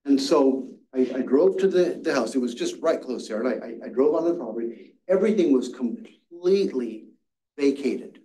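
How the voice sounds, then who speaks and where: Heard from across an echoey church classroom, an older man leads a Bible study for a seated Sabbath school class. He tells a story earnestly, frequently restarting his words, in an expressive, mellow, medium-pitched voice at normal speed.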